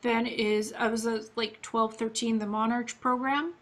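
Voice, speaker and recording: A woman's voice: fairly high pitch, fairly even intonation, unhurried, a bit bright. A woman from Ukraine interviewing a guest in a casual, earnest, matter-of-fact way.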